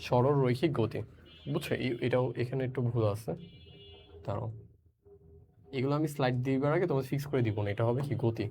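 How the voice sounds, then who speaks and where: Brief: young male tutor, mid-pitched voice, teaches by drilling repeated questions. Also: a little fast, long pauses, dark tone. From Bangladesh. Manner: repeats questions and answers, mixes English words into speech. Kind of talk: online physics lesson.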